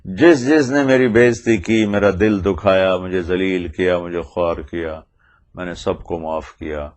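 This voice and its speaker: A man's voice: sits low, fairly even intonation, darkish tone, natural voice. A man doing a poor man pleading in prayer. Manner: pleading, heartfelt. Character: poor devout man praying at night.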